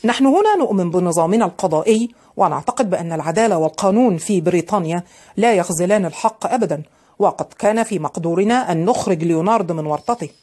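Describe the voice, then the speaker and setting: Calm formal older lawyer, courteous, audiobook, a woman reads him. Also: on the low side, quick pace.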